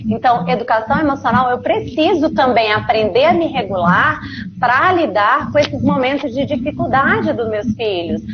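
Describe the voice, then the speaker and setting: A Brazilian psychologist in her thirties chatting casually on a video call, slow and reassuring with many tag questions. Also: high voice, animated, crowd noise. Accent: Brazilian Portuguese. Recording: lo-fi video call audio with background noise.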